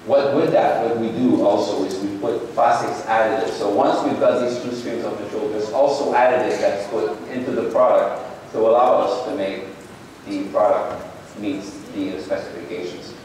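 A man giving a conference keynote in a large ballroom, speaking haltingly with many restarts. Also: fairly low pitch, steady tone, a little mellow. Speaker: company president giving a keynote. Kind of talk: conference presentation. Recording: echoey ballroom from far off.

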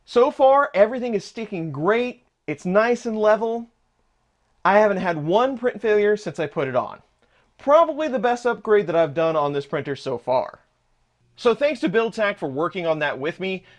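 In his home workshop, a thirty-something channel host builds a 3D printer on camera and explains the parts as he displays them. His voice is high-pitched and animated, at a normal speed.

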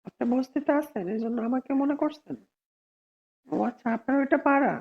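A hoarse woman with a cold, hosting a casual live stream and arguing sharply with viewers. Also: high-pitched, fairly quick, narrow, tinny audio. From Bangladesh. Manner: argumentative, answers viewers sharply.

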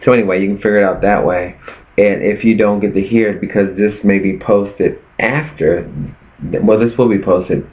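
A man's voice: lowish voice, steady tone, normal speed. A man preaching earnestly in a casual vlog, often asking rhetorical questions. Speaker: preacher sharing his fast. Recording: tinny phone-like sound.

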